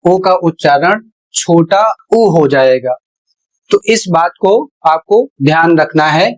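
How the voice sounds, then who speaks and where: A male teacher explaining pronunciation rules at a board in a deliberate way, repeating each step. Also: fairly high pitch, lively intonation, low-quality recording. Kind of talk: slow classroom explanation at a board.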